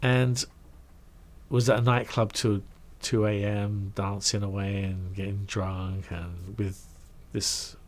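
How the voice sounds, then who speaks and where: A middle-aged man telling a career story in a casual, animated way, acting out quoted voices and trailing into asides. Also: fairly low pitch, slow. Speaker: guest recounting his career.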